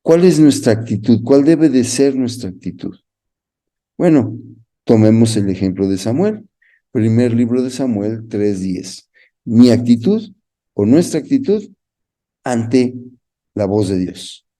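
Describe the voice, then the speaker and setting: A man's voice: mid-range voice, expressive, takes it slowly, warm tone. A man with a Mexican Spanish accent gives a Bible lesson, reading scripture aloud and asking the listener questions. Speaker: Bible course teacher. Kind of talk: Bible teaching talk.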